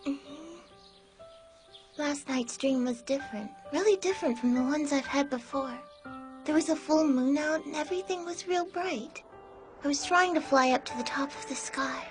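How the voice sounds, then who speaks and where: A gentle, wistful teenage schoolgirl, voiced by a woman in an anime dub. Her soft, airy voice sits very high. Music plays underneath her. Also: moderate pace, lightly acted. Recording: music playing behind the voice.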